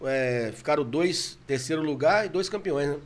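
A man with a Brazilian Portuguese accent telling his story in a casual, animated chat, often laughing as he talks. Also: normal speed. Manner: animated, laughing, gets louder and higher when excited.

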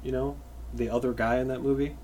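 A man's voice: medium pitch, little pitch movement, a little fast, darkish tone, slight background noise. A man hosting a casual podcast chat, talking bluntly and swearing freely as he gives his opinions.

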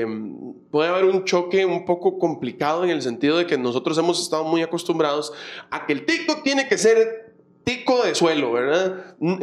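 A man, hosting a casual interview in a measured, conversational way. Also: sits high. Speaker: host.

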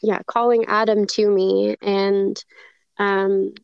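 A woman's voice: medium pitch, level tone, slow pace, gravelly, clean tone, no echo, dull audio. A woman being interviewed, telling a personal story in a reflective, hesitant way with many fillers and restarts. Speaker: guest.

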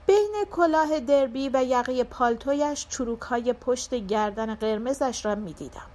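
A woman reading a literary short story aloud as an audiobook narrator, in a measured, dramatic first-person style. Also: on the high side, darkish tone.

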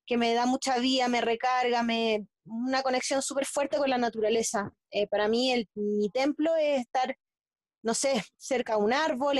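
A Chilean woman with a fairly high voice talks as a guest in a casual interview. She speaks haltingly, with frequent fillers and restarts. The sound is dry and close, with almost no room echo. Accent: Chilean Spanish. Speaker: guest athlete.

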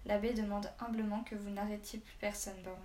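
A sly, cruel soldier captain, read by a woman, speaking with smug calm. A roomy echo and faint hiss hang behind the voice. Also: medium pitch, brisk, lightly acted. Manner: smug, half-smiling.

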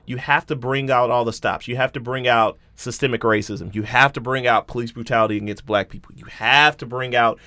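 A man's voice: mid-range voice, fairly bright tone, no echo. Earnest, outspoken man, dry close sound. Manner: earnest and outspoken, laughs easily. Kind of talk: casual conversation.

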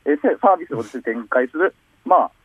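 A man over a muffled phone line, imitating a hesitant university lecturer who fills every pause with "uh". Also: mid-range voice, husky, dry recording, pitched below the performer's own voice. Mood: droning. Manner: filler-heavy, hesitant, monotone lecturing. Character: halting male university lecturer stuck on "uh". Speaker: caller.

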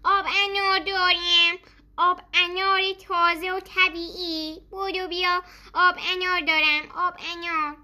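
Woman putting on a loud singsong juice seller. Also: very high voice, flat delivery, pitched above the performer's own voice, heavily acted. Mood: hawking. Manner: loud singsong street calls. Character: shouting male juice seller at street stall.

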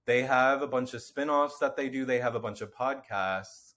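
A man's voice: mid-range voice, moderate pace, a bit bright. A man co-hosting a podcast in casual chat, rambling with lots of fillers and casual swearing, and a slightly nasal voice. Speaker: podcast co-host.

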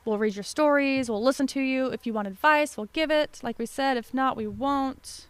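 Recorded dry on a desk mic in a doorless home basement, a podcast co-host talks in a relaxed, chatty way. She has a high, smooth voice and speaks at a moderate pace.

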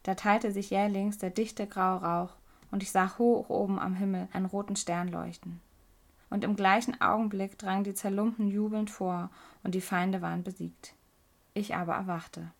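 A woman reading a fairy tale aloud in a measured, dramatic way. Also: medium pitch, fairly even intonation. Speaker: storyteller.

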